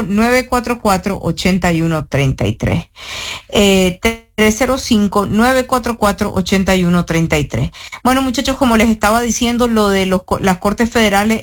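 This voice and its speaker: Nicaraguan woman lawyer hosting call-in radio. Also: mid-range voice. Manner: clear, reassuring, repeats numbers slowly. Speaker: immigration lawyer, radio host. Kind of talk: live radio call-in advice.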